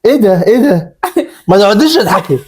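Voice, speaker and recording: An Egyptian man in casual game banter, talking too loudly because he has headphones on, insistent and exasperated in his questioning. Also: sits high, lively intonation, rapid-fire. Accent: Egyptian Arabic. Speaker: host playing a headphones guessing challenge.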